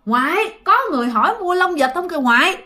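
A woman's voice: sits high, expressive, fast, sharp tone, voice pushed up. A woman with a Southern Vietnamese accent playing a curious little girl asking her grandmother questions. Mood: puzzled. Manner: questioning, pleading tone.

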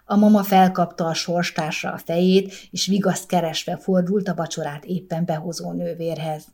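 A woman narrating a short story as an audiobook, in a calm, measured, gentle way. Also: lowish voice.

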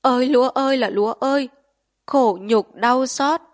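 A woman's voice: sits high, moderate pace, pitched above the performer's own voice, close to an everyday voice. A woman voicing a grief-stricken peasant man who speaks in a choked, sobbing lament. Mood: anguished.

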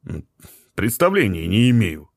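A man voicing a condescending older male scientist who speaks hesitantly, a bit lower. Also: very animated, measured pace, creaky, no echo, clean studio sound, exaggerated voice.

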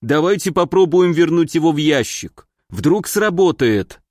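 A man voicing a burly, panicky man who pleads and protests in a drawn-out, whining way. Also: on the high side, lively intonation, a little mellow, no room sound, clean studio sound. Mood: pleading. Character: panicky big burly man, whiny and stubborn. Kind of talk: audiobook character voice.

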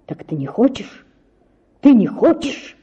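A woman voicing a desperate, bitter father who speaks low and trembling, in a dull lo-fi audiobook recording. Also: big pitch swings, a little slow, dark tone, slightly rough, heavily acted. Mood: wheedling, threatening. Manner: low, trembling, hissing reproaches. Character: desperate, bitter, sullen father, a grown man.

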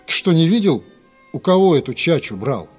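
A man voicing a huge hot-tempered sculptor who shouts and scolds loudly. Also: medium pitch, lively intonation, a little slow, breathy edge, faint music behind. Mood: furious. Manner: shouting, furious.

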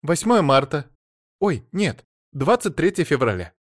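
A man's voice: a little high, very animated, unhurried, no room sound, studio quality, voice pushed up. A man voicing a silly, childish, vain young wife in a pouty, wheedling voice.

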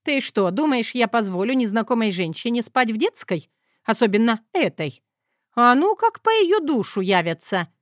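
A woman voicing an older mother-in-law who gives firm, commanding orders in a loud voice, as part of an audiobook. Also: on the high side, sing-song, moderate pace, no echo, studio quality.

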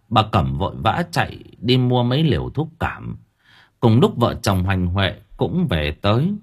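A man's voice: lowish voice, husky. A man narrating a story expressively. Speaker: audiobook narrator.

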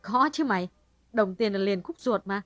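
A woman's voice: mid-range voice, moderate pace, a bit bright, no echo, soft background music, natural voice. A woman voicing a blunt, outspoken older sister figure in an audiobook. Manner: blunt, calls friend "mày", self "tao". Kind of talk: audiobook dialogue reading.

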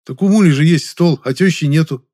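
A fussy, theatrical actor hurries to make amends, eager and a little sly, as a man reading the story puts him on. His lines ring high and bright over the narrator's plain reading. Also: animated, fast, lightly acted.

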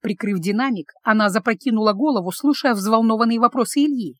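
A woman's voice: on the high side, quick pace, dry recording, studio quality. A woman narrating a dramatic audiobook story with emotion.

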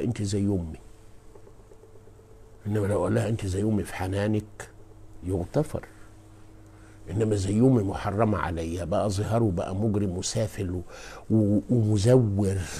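A preacher and scholar with an Egyptian Arabic accent delivers a live-streamed religious lecture in a husky, lowish voice. He's emphatic, swinging between quiet asides and loudly stressed words, and frequently speaks straight to his audience.

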